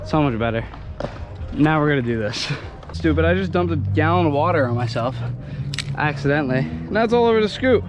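A man's voice: a little high, expressive, brisk. A young man filming himself at an outdoor skatepark on an action camera, chatting casually, swearing and laughing at himself. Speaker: scooter rider filming himself. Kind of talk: casual self-filmed vlog commentary. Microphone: action camera on handlebars. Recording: noisy outdoor camera audio.

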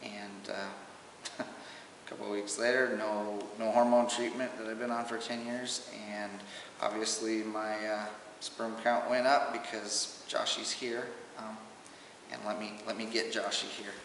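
A man speaks in a low, even voice, halting and emotional as he gives a personal testimony at home. It sounds like old home camcorder audio, picked up from across a roomy space with a long reverb tail and a faint hiss underneath. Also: recorded from a distance. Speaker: father giving a personal testimony.

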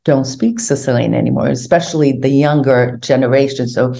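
A woman's voice: rumbling low, fairly quick, creaky. An older woman, born in Hungary, talking animatedly as an interview guest over a video call from her home. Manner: animated storytelling, gesturing with hands. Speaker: guest, tour organizer. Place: home room indoors. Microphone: video call webcam.

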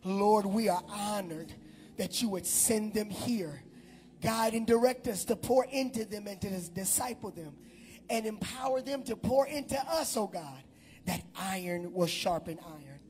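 A middle-aged man speaking, a pastor leading a prayer and offering announcements in a large church hall on a handheld mic, animated and shouting to the congregation. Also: high voice, a little slow, a little hiss or hum.

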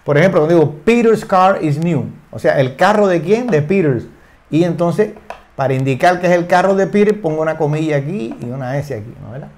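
A man's voice: fairly high pitch, lively intonation, a little mellow. Older man teaching English in Spanish. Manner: repeats phrases, frequent tag questions, slow careful English examples. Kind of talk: explaining English lesson in Spanish.

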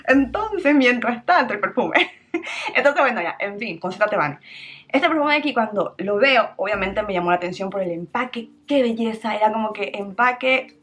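A woman's voice: fairly high pitch, a bit bright. A young adult woman talking casually and with bubbly energy as she reviews a perfume for her vlog, often leaning on words like "súper". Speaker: beauty vlogger.

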